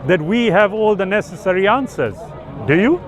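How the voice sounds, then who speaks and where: A man's voice: high-pitched, expressive, normal speed. A man in an impromptu street debate on religion, questioning and persuasive, often interjecting. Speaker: street debater at an open-air speakers' corner. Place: outdoors in a busy public park. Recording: outdoor street recording with crowd chatter. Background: crowd chatter.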